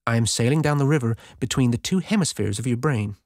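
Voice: medium pitch, fast, a little mellow, no echo, studio quality, close to an everyday voice. A narrator voicing a cheeky inner voice that speaks in a playful, matter-of-fact way. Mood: teasing.

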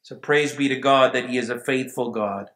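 A man preaching a sermon as pastor, emphatic and rising to near shouts at times. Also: medium pitch, normal speed. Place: church sanctuary. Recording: echoey church room.

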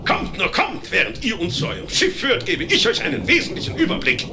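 A man playing a boastful, bossy, joking ship captain in a German cartoon audio play, pompous and quick to laugh at himself. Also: sits high, sing-song, gravelly, background noise, exaggerated voice. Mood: jovial, joking. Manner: pompous, jokey, laughing at own jokes. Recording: music behind the voice.

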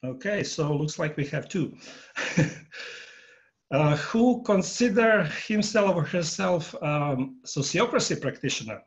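Giving an online conference workshop over a video call from his home room, this native Croatian speaker in his fifties speaks haltingly, with many filler pauses, and polls his audience. His voice is expressive and on the high side, captured through an earphone headset.

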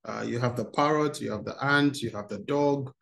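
A man's voice: medium pitch, moderate pace, gravelly, fairly bright tone. Guy in his 30s leading a zoom workshop, upbeat, reads out the chat, webcam sound. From Nigeria. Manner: upbeat, reads out chat replies, chuckles often. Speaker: workshop speaker for teens. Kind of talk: interactive online workshop. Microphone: video call webcam.

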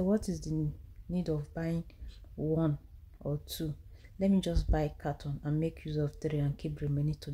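A woman's voice: sits low, mellow. A woman in her thirties with a Nigerian accent, chatting through a home cooking vlog in English mixed with Pidgin. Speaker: cooking vlogger. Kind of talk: casual voice-over narration of a cooking vlog. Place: home kitchen.

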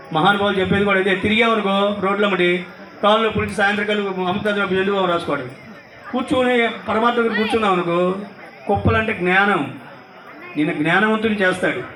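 Older man, devotional sermon, high voice, crowd murmuring in an echoey ashram hall. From Andhra Pradesh, India. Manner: earnest, rapid preaching, repeating phrases, asking and answering his own questions. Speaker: devotional speaker at a satsang. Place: ashram hall with a gathered audience. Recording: echoey hall, recorded from far off with crowd noise.

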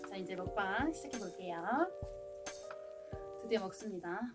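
A woman's voice: mid-range voice, normal speed, over music. A woman, chatting casually and teasingly as she hosts an eating show. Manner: playful, teasing. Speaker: mukbang host. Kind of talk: casual chat while eating.

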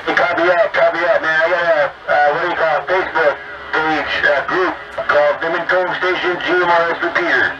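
A man's voice comes through a CB radio, muffled and far off, buried under loud static. He talks in a relaxed, easygoing way and repeats his phrases. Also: fairly high pitch, a little fast. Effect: heard over CB radio. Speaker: radio operator on a CB call. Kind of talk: casual radio chatter.

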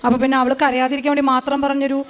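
Middle-aged woman with a Malayalam accent, high and even-toned voice, hesitant testimony full of fillers. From Kerala, India. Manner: slow and halting, with many fillers. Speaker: testimony giver. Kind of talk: personal testimony.

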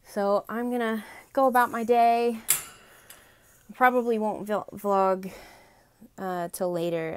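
A woman's voice: lowish voice, darkish tone. A young woman in her twenties chatting casually in a home vlog, talking sweetly to her pets. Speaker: vlogger. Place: home pet room, indoors.

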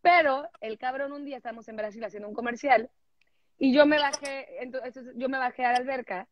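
Woman, forties, higher voice, candid laughing storyteller, dry lo-fi phone audio. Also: steady tone, brisk, a little hiss or hum. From Mexico. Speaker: livestream host. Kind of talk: casual chat.

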